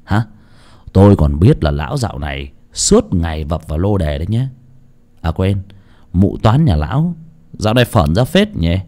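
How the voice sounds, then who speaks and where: A man voicing a rough, bullying male debt collector who barks his threats. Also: mid-range voice, very animated, a little fast, lightly acted. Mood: menacing. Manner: barking, bullying.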